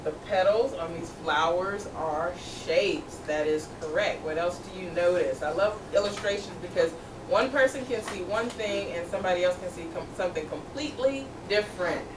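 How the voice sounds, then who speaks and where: Speaking at a normal pace with a fairly low pitch, a woman teacher does an interactive storybook read-aloud for a group of young second graders. She poses questions, encourages the kids, and repeats their replies, captured in a noisy, echoing room from a distance.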